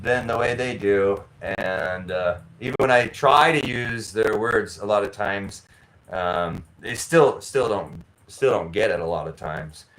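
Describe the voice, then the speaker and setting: A man's voice: on the low side, measured pace, slight background noise, rough recording. A man vlogging in a casual storytelling monologue, rambling with restarts and acting out both sides of conversations. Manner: animated, acts out both sides of conversations with voices. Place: living abroad in a tropical city.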